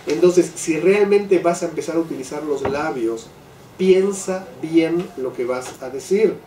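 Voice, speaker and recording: An older man leading a Torah class for a live group, often checking in with "¿sí?" and slowing down to stress key phrases. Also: a little high, warm tone. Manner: keeps asking "¿sí?" to his listeners. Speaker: Torah teacher. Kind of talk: religious class lecture. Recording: echoey room, voice from a distant mic, faint background noise.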